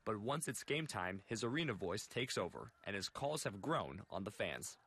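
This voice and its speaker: A young man reading a scripted television news report in a measured way. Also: lowish voice, very animated, a bit bright, breathy edge. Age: young adult.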